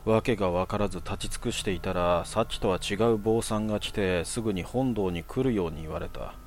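A young man telling a personal horror story in a hushed, casual way. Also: deep voice, fairly quick, a little hiss or hum.

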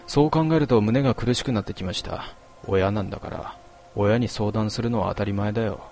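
A man narrates a first-person story in a steady, quiet voice. His reading is measured and melancholy, set in a fairly low register. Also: gravelly, soft background music.

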